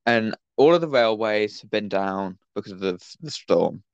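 A man's voice: on the low side, animated, moderate pace, clean tone, dry recording, muffled recording. A teenage man, co-hosting a casual podcast and telling a rambling anecdote with lots of fillers over an online call. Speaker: podcast co-host. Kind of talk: casual chat, storytelling.

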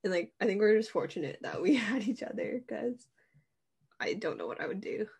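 Breathy teenage girl chatting. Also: mid-range voice, expressive, brisk, darkish tone. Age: teens. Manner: laid-back, lots of fillers. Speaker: student in group chat. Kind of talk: casual chat.

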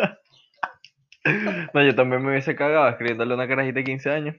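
A man's voice: medium pitch, steady tone, quick pace, a bit bright. A young man chatting casually with friends, rambling and slangy, telling stories. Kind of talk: casual chat among friends. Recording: slightly muffled lo-fi recording.

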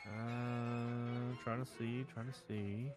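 A man's voice: mid-range voice, little pitch movement, slow pace. Folksy man joking over music. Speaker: live stream co-host and interviewer. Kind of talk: casual live stream banter. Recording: music behind the voice.

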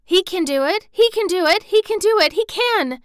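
A woman's voice: very high voice, lively intonation, normal speed, dry recording, clean studio sound, pitched above the performer's own voice. A woman voicing an obstinate, fiercely loyal young girl who protests insistently, in a storybook reading. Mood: urgent, excited.

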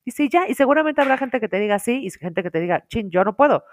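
A woman's voice: on the high side, fast. A woman with a Mexican accent in casual conversation, telling a story and acting out the lines of the people in it. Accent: Mexican Spanish. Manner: animated storyteller acting out quotes. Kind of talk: casual chat.

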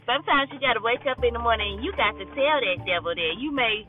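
A woman's voice: on the high side, expressive, fast talker. Chatty woman podcast host over a tinny line. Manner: chatty, repeats "okay?" and "all right?", laughs often. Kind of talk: casual morning devotional podcast. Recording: tinny phone-like line with faint music.

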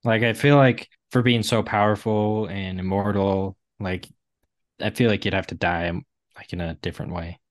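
A man's voice: fairly low pitch, steady tone, moderate pace, dry recording, studio quality. A man co-hosting a casual book discussion podcast, rambling with lots of "like" fillers. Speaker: podcast co-host.

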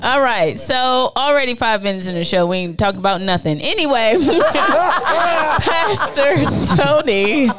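A woman hosting a church podcast in a lively casual chat, bubbly, teasing and often laughing, with a live audience in the room. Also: mid-range voice, fairly quick, few pauses, a crowd in the background. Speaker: podcast host.

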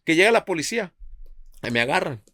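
A man's voice: fairly high pitch, fast, dry recording, studio quality. A man from Culiacán, telling a wild story with plenty of swearing and English thrown in. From Culiacán, Mexico. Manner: excitable, profane, switches into English. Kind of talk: animated storytelling with slang and English phrases.

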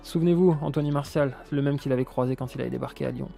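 Male football pundit, rapid delivery, mellow tone, punchy storytelling. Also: mid-range voice, fairly even intonation, gravelly, faint music behind. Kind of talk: scripted narration and argument.

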